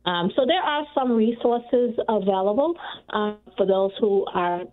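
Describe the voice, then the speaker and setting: A woman who works as a community service provider speaks in a panel discussion over a video call. Her audio glitches and breaks up, and she lists resources in a measured way with some fillers. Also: medium pitch. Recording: tinny video-call line.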